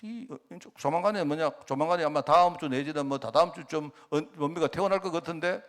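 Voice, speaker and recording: A man's voice: a little high, fast talker. A middle-aged male pastor with a Gyeongsang Korean accent, preaching a storytelling sermon full of rhetorical questions.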